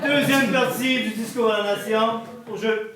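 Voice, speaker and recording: A man with a Québécois accent refereeing a live improv match, making brisk, joking announcements. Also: extremely high pitch, steady tone, very noisy. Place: indoor improv venue. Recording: echoey hall, far mic, loud crowd.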